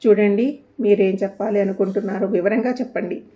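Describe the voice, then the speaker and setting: A woman voicing a poised young married woman who answers calmly, politely and with teasing wit. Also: mid-range voice, a little fast, lo-fi sound, natural voice. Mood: calm, sarcastic.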